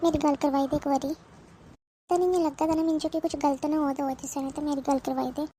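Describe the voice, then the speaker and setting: A woman's voice: high-pitched, steady tone, a little fast, mellow, slight background noise, lightly acted. Woman doing a fretful old mother. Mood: fretting. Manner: fretful, rambling, pleading. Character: worried older mother-in-law, anxious and fretting. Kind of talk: cartoon voice acting.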